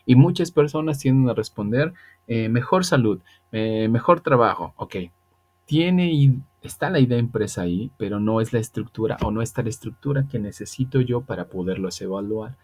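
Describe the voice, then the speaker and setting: A man, a virtual tutor explaining English grammar patiently to students, slowing down for the examples. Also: mid-range voice, dark tone. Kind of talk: online grammar lesson.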